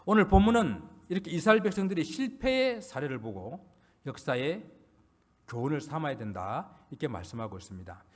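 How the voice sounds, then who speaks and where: A man preaching a Sunday sermon as a pastor, earnest, building emphasis and then dropping low at the ends of phrases. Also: sing-song, a little fast, darkish tone. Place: church sanctuary.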